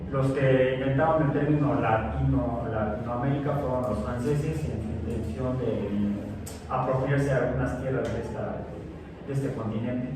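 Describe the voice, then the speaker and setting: Heard through a distant mic in a noisy, echoey room, this man speaks at normal speed with a medium pitch and steady tone. He's a science teacher delivering a digressive classroom lecture packed with fillers and restarts.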